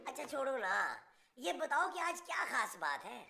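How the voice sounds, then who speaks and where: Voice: high-pitched, sing-song, moderate pace, vocal fry, bright, forceful tone, soft background music, heavily acted. An actor voicing a lazy, sweet-talking cartoon husband. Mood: joking.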